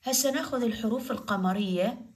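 A woman teacher with an Iraqi Arabic accent and a fairly high-pitched voice gives a grammar lesson to primary pupils. She goes slowly, repeats each example word, and asks questions she then answers herself.

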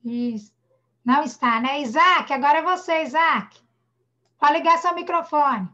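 A woman teacher with a Brazilian accent guides young children through an online class. Her voice is high and bright, and she is patient and tender as she sounds out words syllable by syllable. Everything comes through the dull, muffled audio of a video call. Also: unhurried. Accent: Brazilian Portuguese. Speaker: primary school teacher. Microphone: computer or phone mic on a video call.

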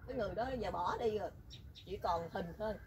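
A woman's voice: mid-range voice, quick pace, slight background noise. A woman telling a story in casual chat, teasing and talkative. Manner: chatty, teasing, rural colloquial speech.

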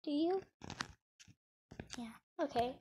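Young female gamer, unhurried, chatty running commentary, faint background noise. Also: sits high, expressive, warm tone. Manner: chatty, narrates her own actions. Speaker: gamer playing a roleplay game. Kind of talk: casual gameplay commentary.

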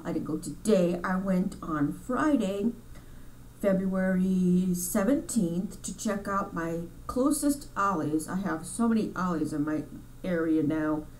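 Woman crochet host, casual rambling chat, stuffy sinuses, lower voice, sounds set back from the mic, faint hiss. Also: measured pace, darkish tone, far from the mic, rough recording. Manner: chatty, rambling, self-correcting. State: congested from sinus trouble. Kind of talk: casual chat over store footage.

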